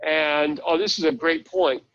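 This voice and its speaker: A man's voice: fairly high pitch, fairly even intonation, unhurried, fairly bright tone, dull audio. A man presenting a live online training session, chatting his way through a website step by step. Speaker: webinar presenter.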